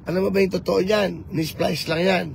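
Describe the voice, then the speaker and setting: A man with a raised, rough-edged voice talks into a handheld phone from a moving vehicle. He shifts between languages in an animated, preachy manner. The road noise behind him stays faint. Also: sits high, normal speed. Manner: animated, code-switching, preachy. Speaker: vlogger campaigning for office. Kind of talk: live vlog chat.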